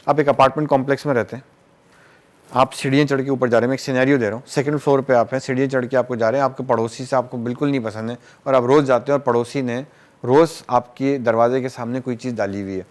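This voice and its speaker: A man's voice: mid-range voice, fairly even intonation. A man, a psychiatrist guest who explains through everyday examples and mixes English terms into his talk.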